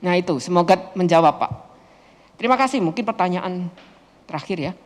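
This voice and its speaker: High-voiced, lively man in a hall. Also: a little fast. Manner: lively, expressive, acts out the story. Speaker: pastor answering audience questions. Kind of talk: animated storytelling talk to a group. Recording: long hall reverb.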